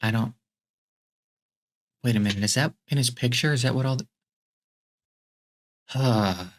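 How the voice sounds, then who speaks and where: A man's voice: mid-range voice, unhurried, a little hiss or hum. A man hosting a comedy show, reading fake tweets aloud in a bemused way with stammering restarts.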